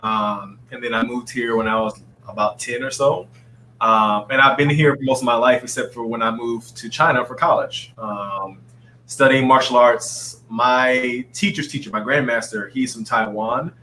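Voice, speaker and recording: A man with a bright, forward voice talks as an interview guest, animated and quick to act out other people's lines. A faint hum sits in the background of the recording. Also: mid-range voice, rough recording. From Saudi Arabia. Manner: animated storyteller, acts out quotes. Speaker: guest dancer. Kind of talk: casual interview talk.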